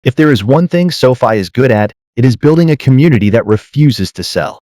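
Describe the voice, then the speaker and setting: A man's voice: medium pitch, lively intonation, fairly quick, darkish tone, dry recording, studio quality. A man hosting as a parody news anchor, reading scripted comedic narration in a mock-serious way. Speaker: host of a weekly fintech parody news show.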